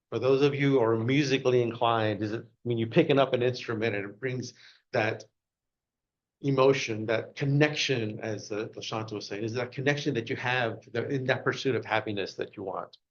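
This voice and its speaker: A man giving a short speech at a club meeting, asking the audience one question after another and growing loud and excited at times. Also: medium pitch, dull audio. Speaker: club speaker.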